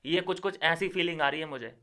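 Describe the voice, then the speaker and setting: A man's voice: on the high side, a little fast, sharp tone. A young man making a ranting commentary video, indignant and lecturing, with heavy sarcasm. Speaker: YouTuber.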